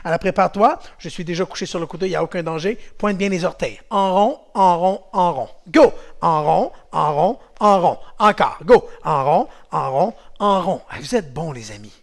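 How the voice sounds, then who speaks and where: Lively karate coach, gravelly. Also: male voice, high-pitched, normal speed, hardly any pauses. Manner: energetic, shouts commands and makes whoosh sounds. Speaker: karate instructor. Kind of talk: kids' martial arts class.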